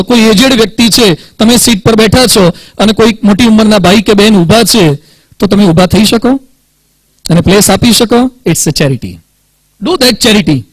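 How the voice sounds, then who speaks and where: A man with a Gujarati accent gives a motivational talk to students in a high voice. He tells stories and acts out the dialogue, mixing English words into his speech. The sound is dry, with no room echo.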